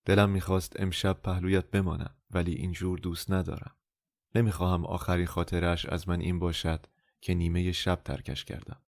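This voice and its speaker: A man reading the part of a resolute, tender young woman in love, in his own low voice, for an audiobook. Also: flat delivery, vocal fry, no echo, studio quality.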